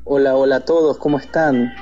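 A man's voice: medium pitch, steady tone, brisk, mellow, highs cut off, faint music behind. A man from Argentina with an Argentine accent, a guest talking casually in an interview, hesitant with many fillers and restarts. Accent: Argentine Spanish.

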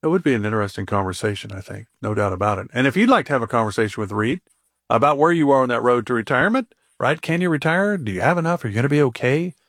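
A man hosting a radio talk show, asking his guest upbeat rapid questions and reading out a phone number. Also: mid-range voice, expressive, a bit bright, dry recording, clean studio sound.

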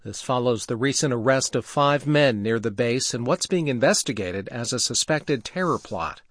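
Measured male newscaster, dry sound. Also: medium pitch, dry recording. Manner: steady, measured delivery. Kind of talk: newscast reading.

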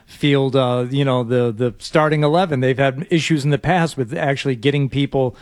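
A man co-hosting a casual sports talk show, reading out ticket prices with many pauses and restarts. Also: mid-range voice, fairly even intonation, no room sound, studio quality. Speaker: sports radio host.

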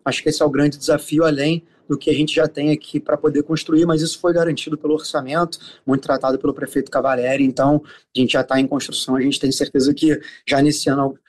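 Carioca guy, slightly high voice, explaining stuff in an interview like an official, lots of ums and stalls. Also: flat delivery, fast. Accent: Carioca Brazilian. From Rio de Janeiro, Brazil. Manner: hesitant, repeats filler sounds while searching for words. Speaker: city official being interviewed.

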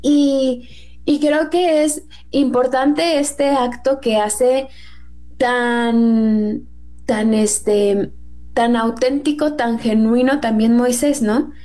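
A woman's voice: on the high side, steady tone, very slow, mellow. A Mexican woman with a Mexican Spanish accent in a casual Bible discussion, chatty and acting out quotes in a raised voice.

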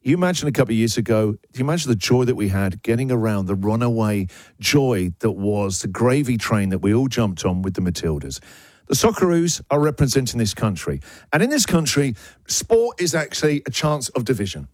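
Male radio breakfast host, energetic, enthusiastic, studio mic, dry close sound, mid-pitched voice. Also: fairly quick, no room sound. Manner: energetic and enthusiastic, jumps in pitch when excited. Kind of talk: lively radio banter. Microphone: studio broadcast mic.

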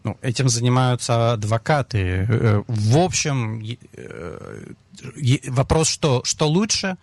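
Measured advisor man answering callers. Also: mid-range voice, lively intonation, no echo. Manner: measured, explanatory, dry humor. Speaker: financial advisor. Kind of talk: radio advice answering callers.

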